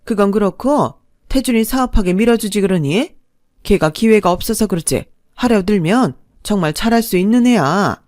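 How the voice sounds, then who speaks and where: A woman with a medium-pitched, darkish voice speaks expressively at a moderate pace in clean studio audio with no room sound. She plays a domineering, bossy and reproachful middle-aged mother-in-law, pitching slightly above her own voice while staying close to an everyday sound.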